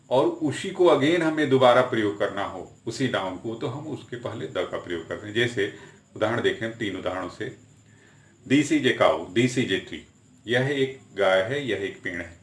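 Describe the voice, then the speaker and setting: A man's voice: mid-range voice, echoey room. Man teaching English grammar in Hindi. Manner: slow, deliberate spelling out of examples. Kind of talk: explaining grammar with Hindi examples.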